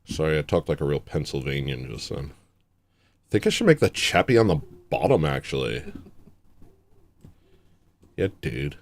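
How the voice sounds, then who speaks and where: A man's voice: a bass voice, big pitch swings, measured pace, pauses often. A young man hosting a casual livestream from his home setup, rambling, sarcastic and self-deprecating. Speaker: livestream host.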